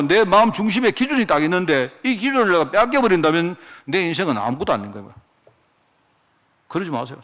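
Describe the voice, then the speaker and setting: A male pastor delivering a sermon with a high, lively voice that climbs and dips all over. He keeps tossing rhetorical questions at the congregation. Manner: animated preaching with rhetorical questions.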